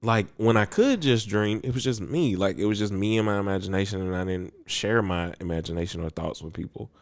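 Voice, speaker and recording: A man's voice: on the low side, fairly quick. A man co-hosting a podcast in casual chat, rambling off on tangents and laughing often. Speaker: podcast co-host.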